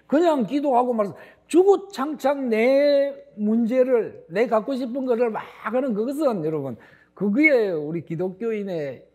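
A man's voice: high-pitched, a little mellow, slightly rough. A middle-aged male pastor delivering a sermon, stressing words emphatically and turning to the congregation with asides.

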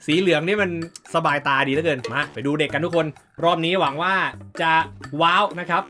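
A man giving casual, excitable commentary over a football management game, swearing and talking to his viewers. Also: fairly high pitch, brisk, faint music behind. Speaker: gaming YouTuber.

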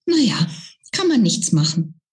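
A woman's voice: mid-range voice, very animated, unhurried, pitched above the performer's own voice. A woman reading a novel aloud and voicing a brash, cheeky young woman who talks bluntly. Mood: frank.

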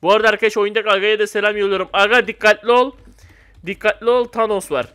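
A young man giving casual gameplay commentary, excitable and loud at times, then dropping to a flat mock-calm mumble. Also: sits high, fast, smooth. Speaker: gamer.

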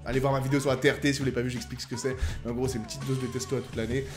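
Fast-talking, ranting French YouTuber man. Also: mid-range voice, little pitch movement, faint music behind. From France. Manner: angry, ranting, repeats words, swears. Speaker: YouTuber reacting to videos. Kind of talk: heated reaction commentary.

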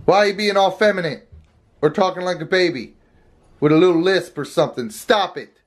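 A man's voice: sits high, brisk. A middle-aged man, a father, talking casually and crudely in a family vlog, scolding and swearing a lot.

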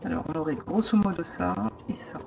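A woman's voice: on the low side, brisk, vocal fry. Hesitant woman crafting, music behind. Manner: thinking aloud, many hesitations; occasional hushed asides. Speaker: crafting vlogger. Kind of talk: casual crafting tutorial. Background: background music.

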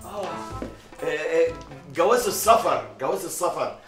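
A man's voice: a little high, expressive, moderate pace, far from the mic, music in the background, close to an everyday voice. An actor playing a bumbling middle-aged man in an Egyptian Arabic sitcom, stammering through rambling excuses. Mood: evasive. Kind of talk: sitcom acting. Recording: roomy set, voice from off-mic.

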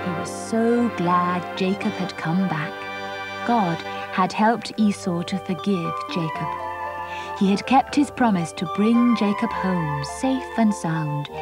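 A woman narrating a children's Bible story in a simple, clear storytelling manner. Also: mid-range voice, takes it slowly, loud music behind the voice.

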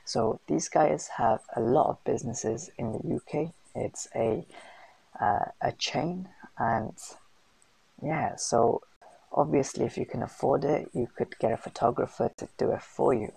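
A man's voice: on the high side, a little slow, gravelly, dark tone, husky, no room sound, rough recording. A man hosting a casual screen-recorded tutorial, chatty and full of fillers and slang. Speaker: host of a food business channel.

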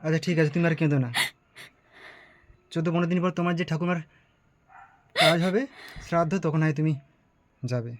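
A man's voice: on the high side, a little fast, long pauses, natural voice. A man playing a husband coaxing his wife. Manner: coaxing, reasoning. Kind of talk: amateur family drama acting.

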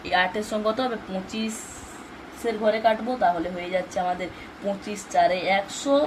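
A woman's voice: mid-range voice, background noise. A woman teaching a math lesson for exams, explaining step by step and answering her own questions. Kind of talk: exam-focused math lesson.

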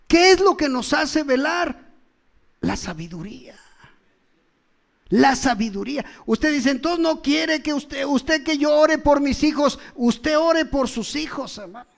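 A man with a Mexican accent preaching a sermon in a church, impassioned and calling out to his listeners, swinging between loud and hushed. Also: extremely high pitch, vocal fry.

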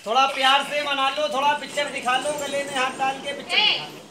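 A man running a street monkey show, calling out loud teasing commands to the animals. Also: very high voice, flat delivery, a little fast. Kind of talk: showman's patter to a crowd. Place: outdoors at a school ground. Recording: crowd noise around. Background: children's crowd.

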